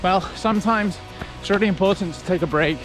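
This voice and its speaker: A man talking casually to camera as a running vlogger, in a reflective, conversational way with halting short phrases. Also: high-pitched, over music, poor audio. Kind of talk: casual vlog talk to camera.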